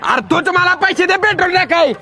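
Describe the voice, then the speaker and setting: A man acting in a comedy sketch, playing the dim-witted friend who mishears and answers loudly. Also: extremely high pitch, fairly quick. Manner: dim-witted mishearing, loud comic replies. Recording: loud music playing under.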